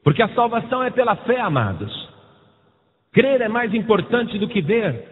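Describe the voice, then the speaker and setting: A Brazilian pastor preaches a sermon in a high voice, piling up emphatic lists before sinking low and slow. The sound is tinny and lo-fi, as if heard over a phone line. A long hall reverb trails behind every phrase. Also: male voice, sing-song. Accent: Brazilian Portuguese.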